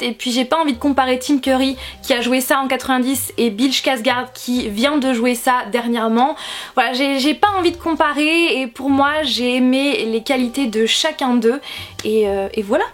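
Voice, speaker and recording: A woman giving an emphatic, chatty video film review, her voice slightly nasal and congested from a sore throat. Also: high-pitched. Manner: emphatic, repeats words for stress.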